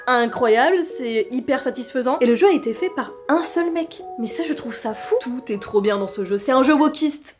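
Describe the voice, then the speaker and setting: A female YouTuber talks to camera in a casual vlog monologue that includes a sponsor read, playful and sarcastic with jokey asides. Her voice is fairly high and a little mellow.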